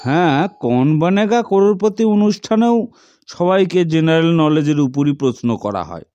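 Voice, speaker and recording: A man's voice: fairly high pitch, lively intonation, moderate pace, warm tone, no echo, highs cut off, natural voice. A man voicing an exasperated, scolding schoolmaster in a comedy cartoon, theatrical. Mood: questioning, instructive. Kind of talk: comic cartoon dialogue.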